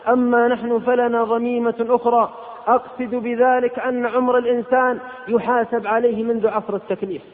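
A man preaching an impassioned sermon, scolding and rising to sharp outbursts. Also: very high voice. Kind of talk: fiery sermon. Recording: tinny old cassette in a hall.

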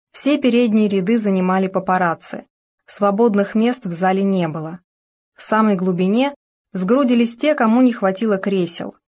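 A woman narrating an audiobook in a measured, even storytelling manner. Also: medium pitch.

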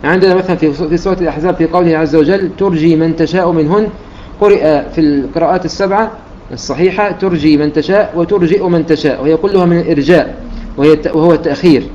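A man gives a religious lesson in a methodical, repetitive teaching manner. His voice sits slightly high with a mellow tone. The recording is dull and lo-fi with a faint hiss behind him. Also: rapid-fire. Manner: methodical, repeats points, restarts words while counting. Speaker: Quran recitation teacher. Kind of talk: religious lesson explaining readings.

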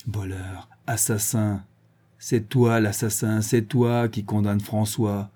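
A man's voice: fairly low pitch, level tone, slow, mellow, husky. A man doing a snarling captive villain. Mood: raging. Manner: snarling, spitting insults. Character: furious bound villain, adult man.

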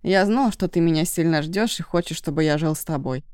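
A woman's voice: low voice, a little fast, darkish tone, clear, resonant tone, no room sound, clean studio sound, natural voice. A woman reading the lines of a young male university student who is sarcastic and irritable.

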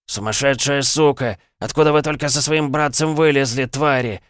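A man's voice: fairly low pitch, fairly even intonation, brisk, fairly bright tone, smooth, no echo, studio quality, natural voice. A man voicing an arrogant, spiteful male noble mage who sneers and curses. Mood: furious. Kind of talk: audiobook reading.

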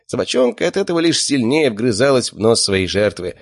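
A man's voice: medium pitch, very animated, fairly quick, vocal fry. A man reading a first-person audiobook with a dry, sardonic manner. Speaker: audiobook narrator.

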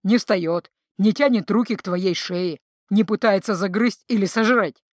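A woman reading an audiobook, voicing a rough mocking male troll who talks loud and boisterous. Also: medium pitch, unhurried, dry recording, studio quality, close to an everyday voice.

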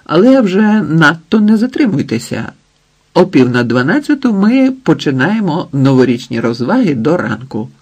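A man's voice: fairly high pitch, big pitch swings, moderate pace, breathy edge, pitched above the performer's own voice, full character voice. A man reading the lines of a bubbly young blonde woman hosting a party, in a chirpy, upbeat way. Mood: cheerful.

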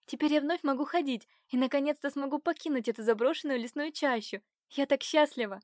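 A woman voicing a naive, cheerful eighteen-year-old noblewoman with a bright, eager manner. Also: on the high side, fast talker, no echo, clean studio sound, close to an everyday voice. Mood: joyful.

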